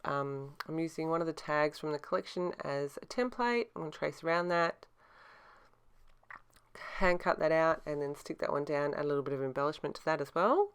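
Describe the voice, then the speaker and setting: A middle-aged woman narrates a craft process in a low, very smooth and clear voice. She speaks casually, with a slight lisp from her braces and a mouth that is a little sore. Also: moderate pace, fairly bright tone. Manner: talks with a sore mouth from newly adjusted braces. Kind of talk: casual craft tutorial voice-over.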